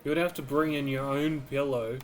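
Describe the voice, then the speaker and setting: A man streaming a video game, slowly musing aloud to himself in casual commentary. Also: medium pitch, steady tone, faint music behind. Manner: slow, musing, mutters to himself.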